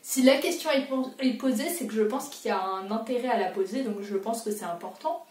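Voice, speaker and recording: A woman's voice: a little high, a little fast, a little mellow, far from the mic. Chatty young woman in an echoey room. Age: young adult. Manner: chatty, self-mocking, thinking aloud. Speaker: booktuber. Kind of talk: casual reading-quiz vlog.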